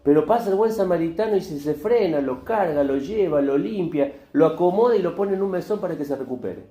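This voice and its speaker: A man's voice: fairly high pitch, animated, fairly quick, mellow. A male pastor, preaching a sermon with rhetorical questions and repetition. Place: church hall. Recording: echoey church hall.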